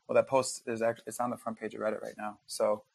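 A man's voice: on the low side, fast, vocal fry, no echo. A man chatting casually as a guest game developer on a podcast, rambling with plenty of fillers. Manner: relaxed, rambling, lots of fillers.

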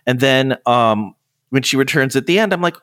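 A man co-hosting a podcast in casual chat, relaxed and thoughtful, with lots of fillers. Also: medium pitch, moderate pace, clear, resonant tone. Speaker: podcast co-host.

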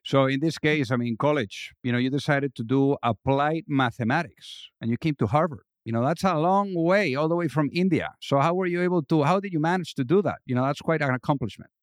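A man's voice: fairly high pitch, a little fast, hardly any pauses, dry recording, studio quality. A man hosting a business podcast, talking in an upbeat way with many filler phrases. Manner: upbeat, filler-heavy, lots of you know. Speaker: podcast host. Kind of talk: podcast interview.

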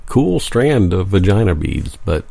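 Low gravelly man telling a joking story. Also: big pitch swings, unhurried, mellow. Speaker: podcast co-host. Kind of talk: casual storytelling chat. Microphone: podcast microphone.

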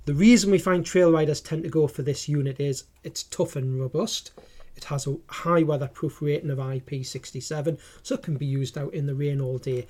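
A man's voice: fairly high pitch, darkish tone. A man with a Geordie accent, co-hosting a podcast and explaining gear in a practical, casual way. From North East England. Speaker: podcast co-host, GPS trainer. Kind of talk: casual product chat.

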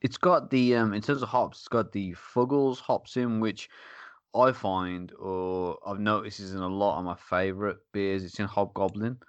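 A man chats casually as co-host of a beer podcast, easygoing and quick to laugh. His voice sits low, and the recording is dry and close with almost no room sound. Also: steady tone, clear, resonant tone, no echo, lo-fi sound. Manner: laid-back, laughing often. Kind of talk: casual chat.

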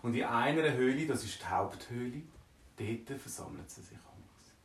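A man's voice: medium pitch, animated, moderate pace. A man with a Swiss German accent telling an improvised, playful bedtime story. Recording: roomy, distant from mic.

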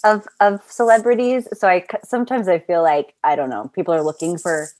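A woman's voice: on the low side, fairly even intonation, a little fast, darkish tone. A woman in casual conversation, chatty and upbeat, laughing easily as she talks. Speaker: actor. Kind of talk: casual chat. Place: Los Angeles area.

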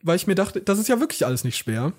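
A man's voice: high-pitched, sing-song, fast, darkish tone. A young man co-hosting a podcast, telling a story in a rambling way and acting out the lines of the people in it. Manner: rambling, acts out quoted lines. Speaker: podcast co-host. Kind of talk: casual storytelling chat.

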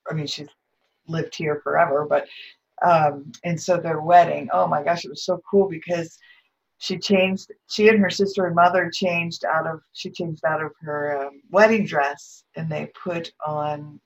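A woman hosting a podcast in conversational interview style, reacting with warm enthusiasm. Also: sits low, fairly even intonation, unhurried, creaky. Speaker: podcast host. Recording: dull lo-fi sound.

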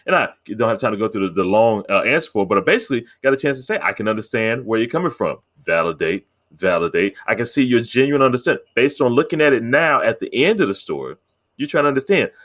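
A man, a therapist, calmly recounting a session with a client, earnest and measured, with frequent fillers and restarts. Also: medium pitch. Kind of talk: reflective storytelling talk.

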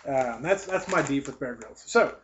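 Here the young male podcaster speaks at a medium pitch and normal speed, expressive, with a little hiss or hum in the background. Reading a college newspaper aloud, he picks it apart sarcastically and rambles off topic, casual live commentary recorded in dull lo-fi.

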